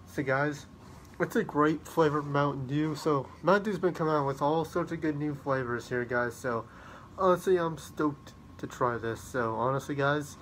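A man talks casually to his viewers about drinks he is trying. His voice sits in a middle pitch, and he rambles and repeats his upbeat sign-offs. A faint hiss of background noise runs under the recording. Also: fairly bright tone. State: out of breath. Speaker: drink reviewer. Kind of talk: casual vlog talk to camera.

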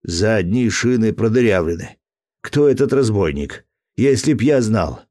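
An eager suitor pleads in a low, rapturous voice, quick to flare into anger, as a man reads him in an audiobook. The recording is dry and close. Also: fairly even intonation, dry recording. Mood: furious. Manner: pleading, rapturous, angry outbursts. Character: eager male suitor, ardent and hot-tempered.

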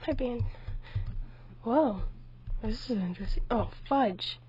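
A woman's voice: fairly high pitch, slow pace, warm tone, dull audio. A woman commentating her own gameplay with a sore throat, chatty and talking to herself with mild exclamations. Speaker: gameplay video host. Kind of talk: let's play commentary.

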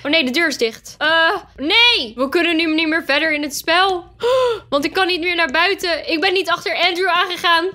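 A woman hosting a let's play video, chatty and excitable as she comments on her game. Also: very high voice, moderate pace. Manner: chatty and excitable, squeals at finds. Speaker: gaming video host.

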